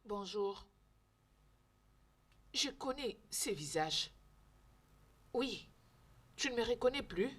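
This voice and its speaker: A woman's voice: mid-range voice, a bit bright. An actress playing a kind young woman teacher who talks earnestly and coaxingly in a dubbed film. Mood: friendly.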